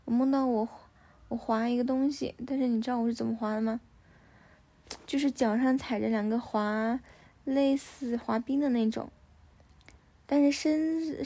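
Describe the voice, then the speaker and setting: A woman tells stories about her family in an easygoing chat, her voice a little high and mellow. She's talkative and often asks the listener "you know?"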